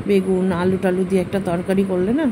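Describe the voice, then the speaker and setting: A woman's voice: medium pitch, level tone, brisk. A middle-aged woman chatting casually to her viewers about her household chores in a rambling, homely way. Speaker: vlogger. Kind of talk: casual household vlog chat. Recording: noisy home recording.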